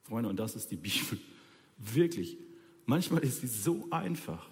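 A man's voice: fairly low pitch, very animated, a little slow, darkish tone, long reverb tail. A man preaching an informal sermon, talking straight to his listeners in a colloquial, ironic way.

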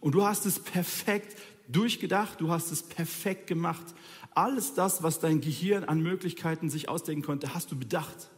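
A man with a high voice gives a relaxed, chatty sermon, talking straight to the listeners. He keeps it colloquial and teases with dry irony. The sound rings out with a long, reverberant tail. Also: moderate pace. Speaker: preacher. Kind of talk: informal sermon.

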